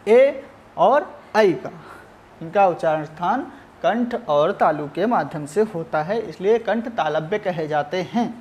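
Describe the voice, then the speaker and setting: A man with a high-sitting voice teaches Sanskrit in a recorded lesson. He is measured and explanatory, sounding out each letter.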